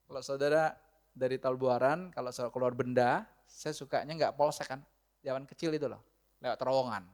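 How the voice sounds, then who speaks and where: A male pastor speaking, in a middle-pitched voice. He tells an everyday story in an animated, chatty way. He often laughs and turns to ask his listeners questions. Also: a little fast. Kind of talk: storytelling sermon.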